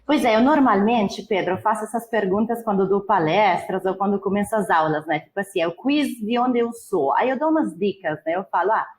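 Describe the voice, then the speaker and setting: A woman's voice: medium pitch, fairly quick, hardly any pauses, poor audio. An Italian woman from northern Italy, speaking with an Italian accent as a guest in a casual panel chat, chatty and full of fillers.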